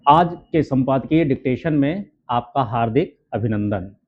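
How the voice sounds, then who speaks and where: A man's voice: mid-range voice, animated, a little slow, narrow, tinny audio. A man teaching shorthand step by step. He asks his own questions, answers them, and checks in with "है ना" and "ठीक है". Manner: keeps adding "है ना" and "ठीक है" as checks. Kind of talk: steno dictation lesson.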